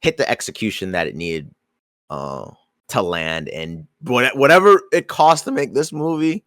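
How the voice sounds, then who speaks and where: A man's voice: mid-range voice, measured pace, dry recording, studio quality. A man co-hosting a podcast, chatting casually about a movie and often repeating his opening words. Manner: relaxed, repeats words when starting sentences. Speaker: podcast co-host. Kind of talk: casual movie review chat.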